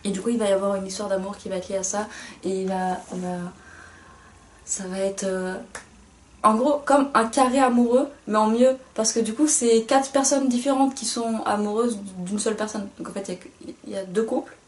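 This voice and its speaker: A woman's voice: mid-range voice, steady tone, moderate pace, a little mellow, echoey room, a little hiss or hum. A young woman co-hosting a casual book review, chatty and self-mocking, laughing often.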